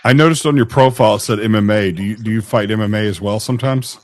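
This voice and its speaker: Male interview host, lowish voice, informal and folksy, dry recording. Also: fast talker, a little mellow, dry recording. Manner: informal, folksy, addresses viewers. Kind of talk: casual interview hosting.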